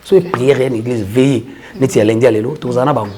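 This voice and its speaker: A man's voice: mid-range voice, fast, warm tone. A man, a church prophet explaining his work in an earnest casual interview. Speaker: church prophet and orphanage founder.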